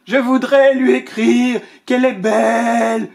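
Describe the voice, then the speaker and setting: A woman voicing a big proud male lion, frustrated and lovelorn, roaring his words loudly in a storybook reading. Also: a little high, steady tone, slow, gravelly, pitched above the performer's own voice. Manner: roaring, loud and insistent.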